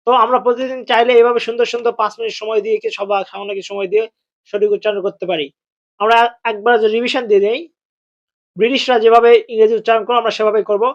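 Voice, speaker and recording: A man teaching English pronunciation, repeating phrases slowly and spelling words letter by letter. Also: high voice, steady tone. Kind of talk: spoken lesson. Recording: dull lo-fi recording.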